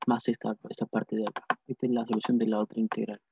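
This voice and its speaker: A man's voice: lowish voice, little pitch movement, fast talker, creaky, noisy background. A man teaching a math lesson, repeating phrases and asking and answering his own questions. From Peru. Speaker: math tutor. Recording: dull lo-fi dry sound.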